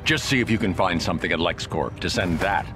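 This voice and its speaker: A man playing a stern masked vigilante in an animated game, serious, terse and commanding. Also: low-pitched, fairly quick. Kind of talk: animated video game acting. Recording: music behind.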